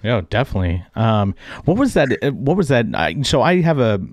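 A man hosting a casual interview, asking questions in a relaxed, loose way full of likes. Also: medium pitch, fairly quick, dry recording. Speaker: host, interviewer.

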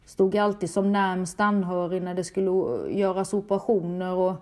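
A middle-aged woman speaks in a mellow, warm voice, recounting her own past. She pauses and repeats words as she goes, in a personal testimony. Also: medium pitch, level tone. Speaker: survivor telling her story.

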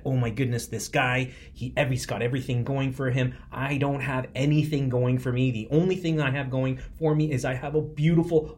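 A man's voice: medium pitch, darkish tone. A man in his forties hosting a podcast, delivering an earnest, emphatic motivational monologue. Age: 40s. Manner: earnest and emphatic, speaks from the heart. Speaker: podcast host.

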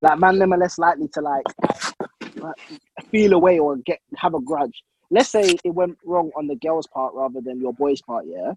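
A man's voice: fairly high pitch, moderate pace, darkish tone, slight background noise, poor audio. A young man with a London accent and roadman slang, chatting casually in a group.

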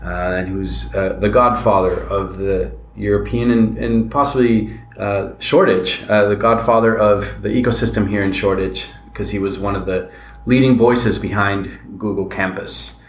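A man's voice: on the low side, fairly even intonation, normal speed, roomy sound, a little hiss or hum. A man from Latin America hosting an interview podcast, asking long, winding questions full of fillers. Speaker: podcast host.

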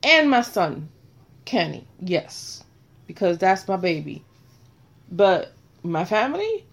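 A middle-aged woman hosting a casual chat, speaking bluntly and with animated swings between quiet and loud. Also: lowish voice, slow, gravelly. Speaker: host.

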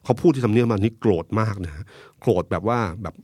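A man's voice: fairly low pitch, fast talker, husky, dry recording, clean studio sound. A man commenting on politics in a talk show discussion, arguing his points with vivid analogies. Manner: animated, argumentative, uses vivid analogies.

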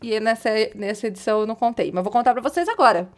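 A woman co-hosting a casual podcast chat, playful and quick when telling stories. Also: on the high side, expressive. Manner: playful, fast storytelling. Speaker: podcast co-host.

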